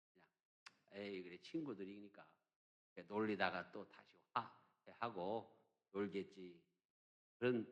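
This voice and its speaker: A man's voice: lowish voice, a bit bright. An older man preaching a sermon as pastor, telling stories and acting out children's teasing, with emphatic rises on key points. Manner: storytelling, acting out children's teasing in a sing-song voice. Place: church sanctuary.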